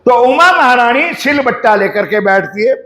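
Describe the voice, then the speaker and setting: A man giving a devotional sermon, putting questions to his listeners and chanting mantras slowly. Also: extremely high pitch, lively intonation, pushed and bright. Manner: addresses the audience directly with questions. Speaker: preacher. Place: ashram hall. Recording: echoey hall.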